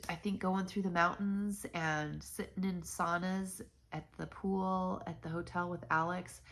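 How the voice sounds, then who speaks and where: A woman's voice: lowish voice, steady tone, a little slow, fairly bright tone. A middle-aged woman with a stuffy, nasal voice, chatting casually to viewers as host of a knitting channel, rambling with many ums and restarts. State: stuffy, nasal from blocked sinuses.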